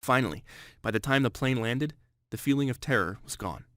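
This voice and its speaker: A man's voice: medium pitch, animated, fairly quick, a bit bright, dry recording, studio quality. A man in his thirties telling a scripted first-person story with earnest, dramatic emphasis. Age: 30s. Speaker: sales narrator.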